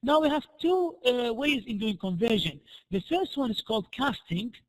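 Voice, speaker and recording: A man lecturing through worked examples in a hoarse, worn-out voice, halting and often repeating and restarting his phrases. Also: very high voice, big pitch swings, rough recording. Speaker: programming lecturer.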